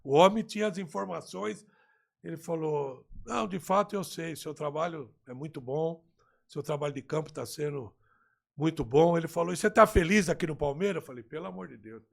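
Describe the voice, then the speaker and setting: A Brazilian man, a football coach, telling a story in a conversation and acting out the remembered dialogue in a lively way. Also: on the high side, moderate pace, gravelly.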